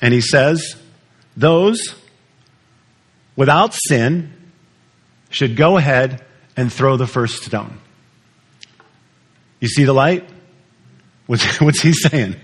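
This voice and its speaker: A man's voice: mid-range voice, animated, slow pace, long pauses, husky. A male pastor preaching a sermon in a conversational way, asking the congregation questions.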